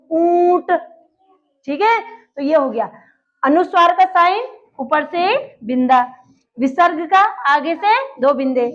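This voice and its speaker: High-voiced woman teaching a grammar lesson. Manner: explains step by step, asks questions and answers them. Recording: dull lo-fi recording.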